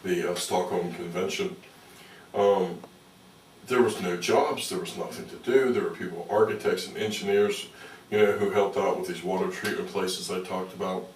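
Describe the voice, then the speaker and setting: A man telling stories as a radio interview guest, conversational and halting, often repeating words as he thinks. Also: low voice, steady tone. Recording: roomy, noisy, distant-mic radio interview.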